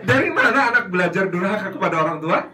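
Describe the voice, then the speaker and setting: Brief: high-pitched male preacher, playful and direct with the audience, picked up from a distance. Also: quick pace, crowd noise, noisy background. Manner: lively, teasing, addresses mothers directly. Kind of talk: religious lecture. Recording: distant mic.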